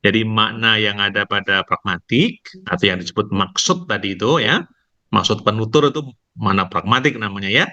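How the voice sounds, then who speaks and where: A male university lecturer giving an online lecture, explaining slowly and tagging nearly every phrase with a questioning "ya". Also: fairly low pitch, sharp tone. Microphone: video call. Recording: dull lo-fi online call audio.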